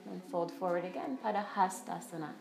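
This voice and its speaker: A woman's voice: on the low side, brisk, gravelly. A woman teaching a guided yoga class, giving step-by-step directions and breath counts. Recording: roomy echo, faint music behind.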